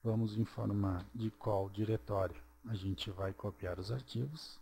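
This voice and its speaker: A man narrates a programming screencast tutorial slowly and step by step, checking in with the viewer using "ok?" and "certo?". His slightly low voice is soft, mellow, and creaky, with fairly even intonation, and a faint hum runs beneath the recording.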